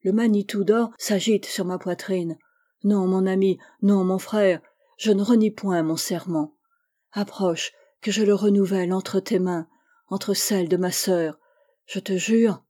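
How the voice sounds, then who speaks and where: Anguished young warrior dude, pleading and intense, mellow warm voice, woman doing him. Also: mid-range voice, steady tone, measured pace, close to an everyday voice. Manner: impassioned, pleading speech.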